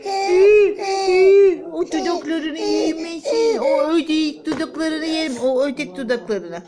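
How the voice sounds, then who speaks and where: A woman's voice: high voice, slow, crowd noise. A young woman, talking baby talk to her child in a sing-song voice and scolding playfully. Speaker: mother filming her baby.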